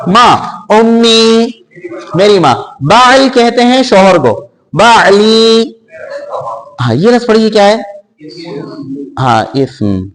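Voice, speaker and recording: High-voiced Quran teacher, drawn-out words, reverberant hall. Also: male voice. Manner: drawn-out stressed words, then quick glosses and questions to the class. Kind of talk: classroom vocabulary lesson.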